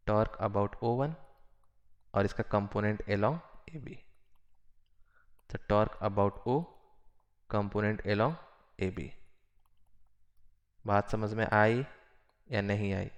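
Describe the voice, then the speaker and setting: A male physics teacher giving a classroom lecture, repeating phrases slowly and mixing Hindi with English. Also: on the low side.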